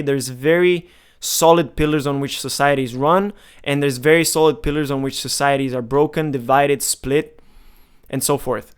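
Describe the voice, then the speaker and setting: A man in his twenties, originally from Romania, talks straight to the camera in a frank, emphatic way. His voice sits a little high and sounds smooth and clear. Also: fairly bright tone. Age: 20s. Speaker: marketing vlogger. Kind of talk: casual direct-to-camera monologue.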